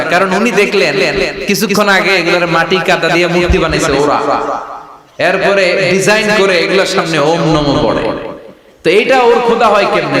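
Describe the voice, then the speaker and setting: A man preaching a sermon with many questions to the crowd and stretches of chanted recitation. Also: high voice. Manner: call-and-response questions, chanted Quranic recitation. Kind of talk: Bengali waz sermon. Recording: echoey PA sound from a large venue, crowd behind.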